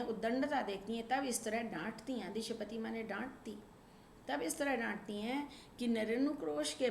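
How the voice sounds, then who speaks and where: A woman teaching a Sanskrit lesson, reading verses slowly and explaining them line by line in Hindi. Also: medium pitch. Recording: echoey room with faint ambient noise.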